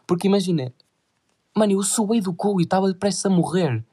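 A man's voice: high voice, moderate pace, dark tone, husky. A teenage boy with a European Portuguese accent telling a crude, rambling story in casual slang full of swearing. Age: teens.

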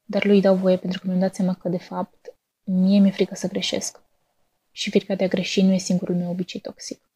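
A young woman from Romania reads her own story aloud in a calm, measured way. Her voice is mellow and a little husky, and it stays level with little rise and fall. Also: lowish voice. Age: 20s. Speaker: narrator. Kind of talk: scripted personal narration.

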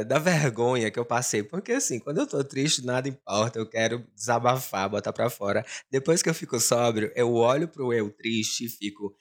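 A man with a hoarse smoker's voice, hosting a casual confessional podcast in a dramatic, joking way. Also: mid-range voice. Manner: dramatic, joking, self-mocking. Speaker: podcast host.

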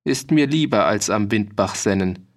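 A man's voice: fairly low pitch, expressive. A man voicing a proud, stubborn farmer who speaks in earnest, rustic turns of phrase. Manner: measured, earnest, rustic dialect speech.

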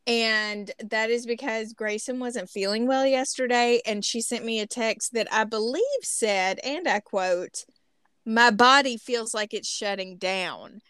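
A woman's voice: a little high, a little slow, a bit bright, clean tone, dry recording, clean studio sound. A middle-aged woman with a Southern American hillbilly accent, chatting casually and self-deprecatingly as a podcast host. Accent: Southern US hillbilly, Appalachian-like. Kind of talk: casual chat.

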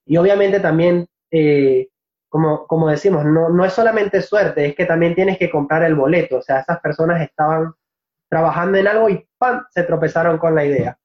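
Man from Venezuela, Spanish teacher, high voice, thoughtful and halting in a casual interview, muffled lo-fi sound. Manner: reflective, searches for words, laughs easily. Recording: dull, lo-fi recording.

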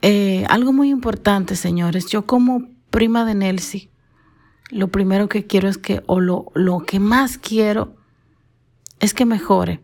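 Speaking unhurriedly and on her own, a Dominican woman runs her own podcast with a somewhat dark tone. Broadcasting training has polished her careful, formal diction, and her pitch sits in the ordinary middle range for a woman.

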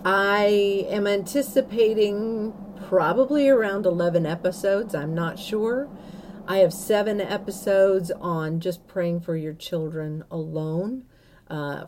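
This woman speaks in a slightly low voice at a very slow, deliberate pace. She sounds earnest and gentle, pausing often and restarting phrases as she introduces her prayer series. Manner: earnest and unhurried, with soft pauses and restarts.

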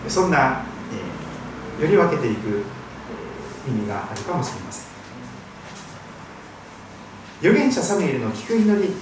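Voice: medium pitch, background noise. A pastor from Shikoku giving an earnest, emphatic sermon in a church. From Shikoku, Japan. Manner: earnest, emphatic preaching with hymn singing. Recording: very echoey hall, voice from a distance.

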